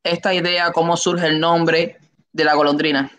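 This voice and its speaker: A young man with a Cuban accent hosting a live online interview, announcing with enthusiastic, drawn-out emphasis from a room on his webcam. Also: fairly high pitch, level tone, a bit bright. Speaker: host. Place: indoor room. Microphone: webcam, video call.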